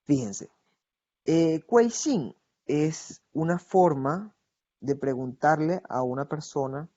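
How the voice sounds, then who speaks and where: A man teaches a grammar lesson at an even, middle pitch. He is patient and explanatory, and often pauses to model phrases slowly. The recording sounds muffled and lo-fi. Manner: patient, explanatory, checks in with "¿verdad?"; slows down to model Chinese phrases. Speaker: Mandarin teacher.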